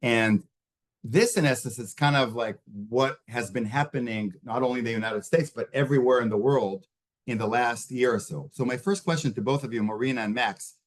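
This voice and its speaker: A man's voice: medium pitch, brisk. A man moderating a panel, asking long, rambling questions. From Israel. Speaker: host, moderator.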